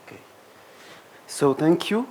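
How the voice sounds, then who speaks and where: A man leading a training workshop, introducing the sessions in a halting way with many fillers and restarts. He speaks in a workshop room. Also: a little high, expressive, darkish tone, a little hiss or hum. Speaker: workshop instructor. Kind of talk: lecture introduction.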